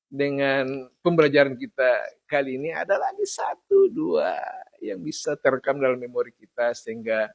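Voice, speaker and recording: A man teaching Quran recitation, chanting verses slowly and patiently repeating each sound to correct common mistakes. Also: on the high side, no room sound.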